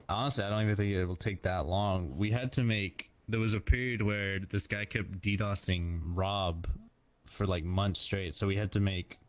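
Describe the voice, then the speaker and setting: A man's voice: low-pitched, no room sound. A man speaking in a casual, blunt, slangy way in an interview chat.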